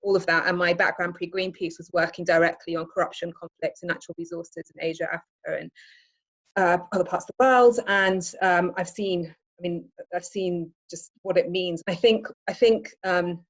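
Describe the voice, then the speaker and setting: A woman's voice: fairly low pitch, steady tone, moderate pace, low-quality recording. A woman from Iraq, an environmental campaigner giving a webinar presentation, talking hesitantly with many restarts and ums.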